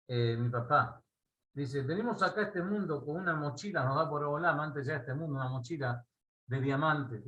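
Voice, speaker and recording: A man with an Argentine accent teaching a Torah class. He tells a parable in a lively way and often checks in with his listeners. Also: on the high side, muffled recording. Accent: Argentine Spanish. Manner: animated storyteller, asks listeners "¿sí?" often.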